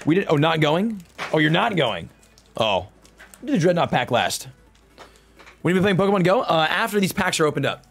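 Excitable young man streamer, very lively pitch. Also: brisk, gravelly, husky, soft background music. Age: young adult. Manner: excitable hype talk, swinging from low asides to loud calls; slangy, bro-heavy way of talking. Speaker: live streamer opening card packs. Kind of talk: casual livestream chat with viewers. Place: indoor streaming room at home.

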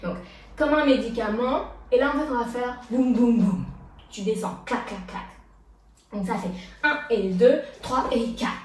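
A woman's voice: fairly high pitch, a little hiss or hum. A young woman teaching a street jazz dance routine, counting beats and making sound effects for the moves. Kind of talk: dance tutorial instruction. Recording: echoey room, voice from far off.

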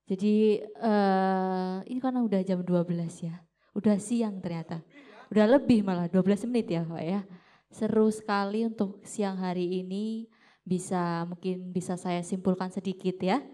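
A woman's voice: mid-range voice, fairly even intonation, normal speed, mellow. Woman moderator wrapping up a lecture. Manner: polite, orderly summary. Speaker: event moderator. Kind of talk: closing remarks. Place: lecture hall.

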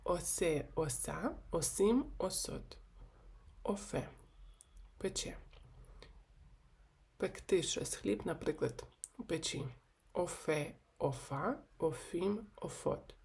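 A woman presents a video grammar lesson in a low, gravelly voice. She goes very slowly and deliberately and spells out each verb form in turn. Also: expressive, a little mellow. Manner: slow, deliberate, repeats verb forms one by one. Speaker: Hebrew language teacher.

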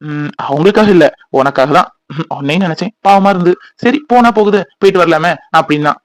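A playful young husband in a cartoon who teases his wife in a quick, slightly high voice, played by a man. The recording is dry and close. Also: no echo, lightly acted. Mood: gentle. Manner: mocking, teasing.

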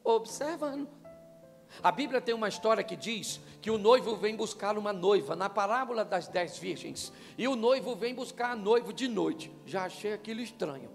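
An older pastor with a Brazilian Portuguese accent gives a humorous talk to couples from a church stage in a large hall, holding a handheld microphone. His high-pitched, gravelly voice moves at a moderate pace as he jokes animatedly and asks the crowd questions. The live recording has long reverb and faint music.

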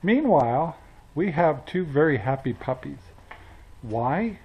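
An older man from Central Oregon, USA chats casually to a handheld camera held at arm's length, outdoors on his rural homestead and in a garage, rambling with lots of fillers and little chuckles. His voice is husky and on the high side, slow, with big pitch swings, and the recording is muffled.

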